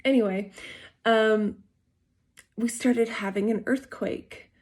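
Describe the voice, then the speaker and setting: Mellow-voiced woman telling a rambling story. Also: a little high, fairly even intonation, takes it slowly. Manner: rambling, with frequent fillers and self-corrections. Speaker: vlogger. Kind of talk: casual personal storytelling.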